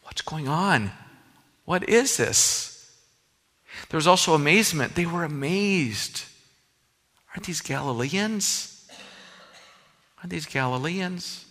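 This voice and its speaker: Expressive and slow, with long pauses, a pastor with a Minnesota accent gives an earnest, conversational sermon. His bright, forward voice is slightly high for a man, and a long reverb follows his words.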